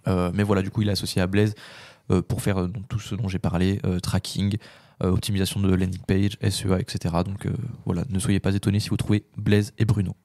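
Low gravelly-voiced man. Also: flat delivery, fast talker, dark tone, dry recording, studio quality. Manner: rambling, many filler words. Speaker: podcast co-host. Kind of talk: casual podcast chat.

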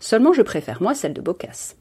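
A woman voicing a cultured, self-assured young woman in a storybook, correcting someone in a lively tone. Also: on the high side, fast, husky, heavily acted.

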